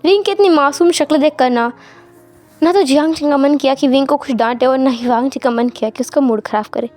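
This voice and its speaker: High-voiced woman narrating a story. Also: a little fast, darkish tone, faint music behind.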